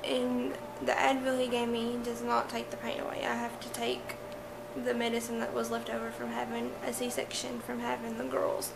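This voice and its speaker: A woman's voice: a little high, completely flat delivery, normal speed, gravelly. A woman in her twenties chatting casually to a vlog camera at home, talking with a toothache and a swollen cheek. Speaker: family vlogger, mother. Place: indoors at home by a window. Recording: loud background noise.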